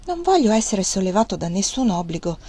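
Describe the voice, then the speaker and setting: A woman reading aloud, voicing a proud male mill owner who speaks with low, earnest intensity. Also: big pitch swings, a little fast, dark tone, husky. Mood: passionate.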